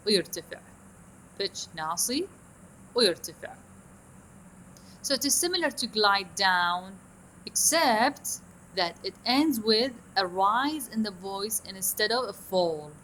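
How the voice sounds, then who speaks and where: Bright-voiced woman teaching English. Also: medium pitch, a little hiss or hum, rough recording. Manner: switches between Arabic and English, reads English lines slowly and deliberately. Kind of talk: recorded lecture on intonation.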